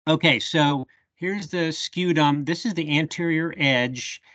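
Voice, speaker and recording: A man's voice: fairly high pitch, unhurried, fairly bright tone, no room sound, highs cut off. A man leading a live bee identification workshop over a video call, thinking aloud with fillers as he works a microscope. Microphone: computer mic on a video call.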